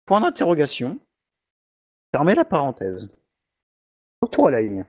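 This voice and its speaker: A half-robot voice that a man puts on dictates a text word by word, calling out every comma and line break in a slow, mechanical drone. The pitch still swoops up and down, and the voice has a husky, breathy edge. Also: huge pitch swings, a little mellow, lo-fi sound, heavily acted. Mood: grumbling. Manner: reads every punctuation mark aloud in a slow, mechanical dictation. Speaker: YouTuber. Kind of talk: comic mock-dictation reading.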